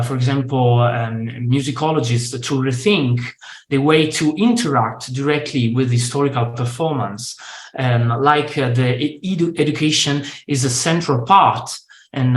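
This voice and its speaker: Halting man, echoey room. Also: mid-range voice. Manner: halting, many fillers and restarts. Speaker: conference organizer. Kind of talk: online lecture introduction. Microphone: video call. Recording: roomy echo.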